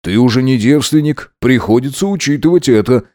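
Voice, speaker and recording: A man playing a smug, wealthy young man who teases in an unhurried, self-satisfied way in an audiobook drama. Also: mid-range voice, expressive, a little mellow, no room sound, clean studio sound, close to an everyday voice. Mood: smug, teasing.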